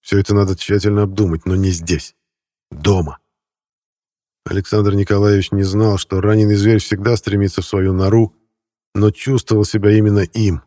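A man narrating a novel in a steady, measured way. His voice sits low and sounds mellow. The recording is close and dry, with no room sound. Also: no echo. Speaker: audiobook reader. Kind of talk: scripted narration.

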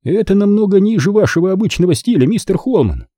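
A man reads as a sly, smug man whose voice is lifted a little above his own and rides a lively pitch. The tone is dark and husky, in a dry audiobook reading. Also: fast talker, dry recording. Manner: smug and needling. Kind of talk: audiobook character voice.

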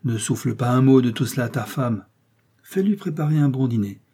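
A sharp, commanding detective, read by a man gives orders in curt, authoritative questions. The voice is husky and dark-toned, and the part is told as an audiobook. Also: medium pitch, animated, brisk. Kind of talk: audiobook character reading.

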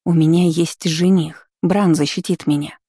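A woman's voice: lowish voice, steady tone, measured pace, mellow, husky, no echo, clean studio sound. A woman voicing a frightened young woman healer who pleads urgently. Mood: hesitant.

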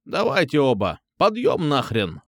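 A man reading an audiobook, voicing an elderly female hitwoman with a rattling, low voice and a crude, commanding manner. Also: huge pitch swings, a little slow, no room sound, clean studio sound. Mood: menacing. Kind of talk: audiobook narration.

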